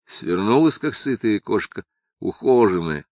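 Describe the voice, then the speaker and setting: A man narrating an audiobook in a measured, expressive storytelling manner. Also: on the low side, no room sound. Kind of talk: scripted literary narration.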